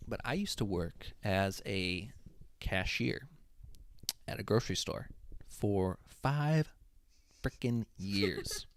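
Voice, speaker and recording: Young male streamer, lowish voice, loud and chatty, voice a bit worn, dry close mic. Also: takes it slowly, dry recording. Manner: loud, animated, talks to chat. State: voice giving out. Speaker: livestream host. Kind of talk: casual livestream chat.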